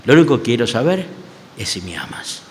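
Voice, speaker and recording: A man voicing a patient male divine teacher. He questions slowly, in a low, gently insistent voice. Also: very animated, slight background noise. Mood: firm. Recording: church hall with long reverb.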